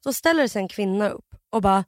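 A woman's voice: a little high, animated, no echo, studio quality. A young woman co-hosting a podcast, telling a story animatedly with lots of fillers and acted-out quotes. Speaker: podcast co-host.

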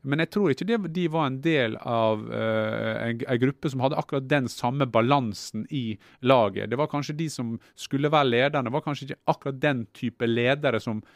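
A middle-aged former footballer from Norway in casual podcast chat, reflective and halting, with frequent restarts. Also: male voice, medium pitch, dry recording, clean studio sound. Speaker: former national team footballer, podcast guest.

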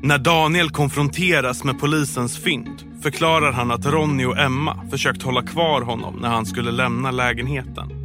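Guy narrating a true crime podcast, calm and measured, music playing loud behind him. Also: medium pitch.

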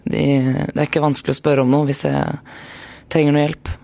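Young woman, eastern norwegian accent, bit of vocal fry, dry close sound, lots of ums and restarts. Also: sits low, flat delivery, darkish tone, no echo. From Norway, grew up on Stord. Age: young adult. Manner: hesitant, many fillers and restarts. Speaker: guest, handball player. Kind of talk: casual interview chat.

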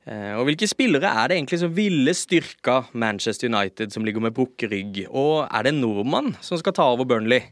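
A man's voice: medium pitch, very animated, few pauses, dry recording, studio quality. A man hosting a football podcast, introducing and interviewing in a casual, playfully mock-solemn way. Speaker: podcast host.

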